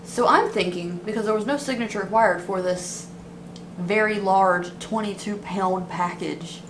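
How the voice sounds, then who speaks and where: A woman in her twenties chatting casually to camera, complaining at length like a vlogger venting. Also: lowish voice. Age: 20s. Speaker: beauty vlogger. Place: small dim apartment room, indoors. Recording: clearly noisy room recording.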